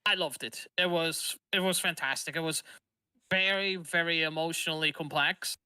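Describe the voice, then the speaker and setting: Bright, enthusiastic man, dry sound. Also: a little high, fairly even intonation, moderate pace, clear, resonant tone, dry recording. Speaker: podcast guest. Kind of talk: casual chat.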